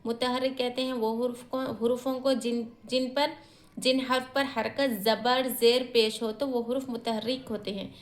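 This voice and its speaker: A woman teaching Quran reading step by step, quickly explaining rules and then sounding out syllables slowly, asking questions and answering them herself. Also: on the high side, little pitch movement. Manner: alternates quick rule explanations with slow drawn-out syllable reading. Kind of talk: step-by-step recitation lesson.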